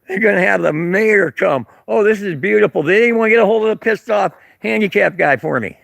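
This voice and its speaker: Guy ranting and cussing on a live stream from a street corner, raspy fry in his voice, dry close sound. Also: high voice, moderate pace, a bit bright, dry recording. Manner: angry, profane, sarcastic, with chuckles. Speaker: livestreamer filming local police. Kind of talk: live-streamed rant reading chat comments. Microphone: handheld camera.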